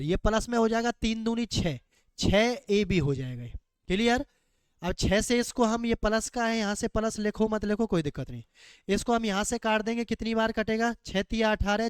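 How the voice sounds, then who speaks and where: Man, maths teacher, high clear voice, dry close sound, repeats every step. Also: no echo. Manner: repeats questions back to students, drills steps. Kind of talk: classroom maths lesson.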